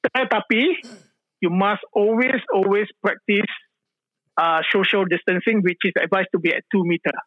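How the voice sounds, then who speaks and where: A man's voice: high-pitched, steady tone, normal speed, no room sound. A Singaporean man chatting casually as a guest in Singlish mixed with Malay, stammering and repeating words. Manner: Singlish, mixing English and Malay with lah particles. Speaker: guest living in London. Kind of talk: casual chat. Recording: muffled lo-fi remote call.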